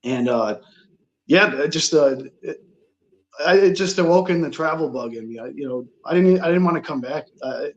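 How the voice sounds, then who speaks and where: A man telling his story as an interview guest in a casual, halting, rambling way. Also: on the high side. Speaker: interview guest, travel blogger. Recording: slightly dull, lo-fi sound.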